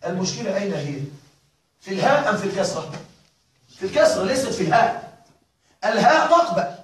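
Male teacher, high-pitched voice, far from the mic in a very echoey classroom, keeps checking that students follow. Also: very animated, fast talker, slight background noise. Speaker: grammar teacher. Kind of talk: classroom lesson.

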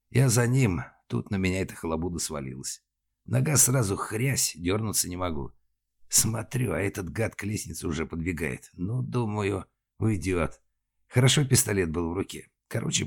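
A rattled young police officer, as a male audiobook narrator plays him, talking in rough, rambling bursts. The deep reader lifts his voice higher and louder for the part. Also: heavily acted. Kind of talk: audiobook character voice.

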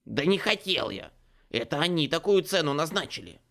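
A man's voice: on the high side, very animated, normal speed, creaky, fairly bright tone, pitched above the performer's own voice, heavily acted. A man voicing a bearded, cowardly male changeling who pleads frantically in an audiobook. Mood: pleading. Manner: pleading, frantic, near sobbing. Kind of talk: audiobook character voice.

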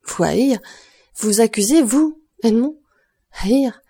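A woman's voice: fairly high pitch, expressive, takes it slowly, dark tone, breathy edge, voice pushed up, heavily acted. A woman reading the part of a grieving woman near forty who speaks in sorrowful, self-accusing pleas. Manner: sorrowful, pleading. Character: grieving woman of thirty-nine, broken by guilt.

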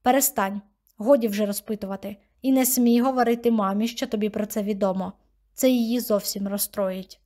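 A woman's voice: mid-range voice, fairly even intonation, brisk, dark tone, close to an everyday voice. Woman doing bossy old grandmother, curt, scolding, audiobook.

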